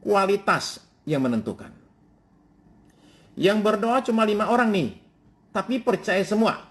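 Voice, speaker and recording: Animated preaching man, lively pitch. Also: unhurried. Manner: animated preaching, switches between formal scripture reading and casual Jakarta slang. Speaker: pastor. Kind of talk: sermon.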